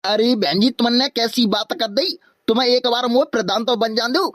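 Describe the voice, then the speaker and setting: A woman's voice: on the high side, normal speed, dry recording, studio quality, lightly acted. A woman voicing a wily old male village candidate in a comic cartoon, fawning and full of promises.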